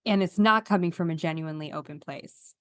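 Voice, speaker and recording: A woman co-hosting a chatty podcast, animated and quick to laugh, with teasing, mocking asides. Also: sits low, clear, resonant tone, no room sound, studio quality. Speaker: podcast co-host. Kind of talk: casual chat.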